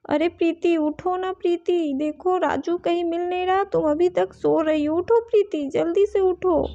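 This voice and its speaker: A woman's voice: extremely high pitch, steady tone, normal speed, mellow, muffled recording. Woman doing a fretful worried mother. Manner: fretful, pleading. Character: worried young mother searching for her son.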